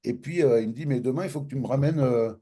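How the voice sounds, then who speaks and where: A man's voice: mid-range voice, fast. A man from France with a French accent, telling a personal story in an interview and acting out past conversations. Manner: animated, acts out both sides of past dialogues. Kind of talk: casual storytelling.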